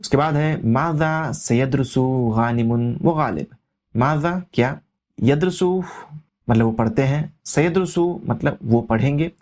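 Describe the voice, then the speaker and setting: A man teaching a language lesson, translating each word and repeating its meaning in a steady, explanatory way. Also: on the high side. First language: Urdu. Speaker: Arabic teacher. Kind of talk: explaining vocabulary line by line.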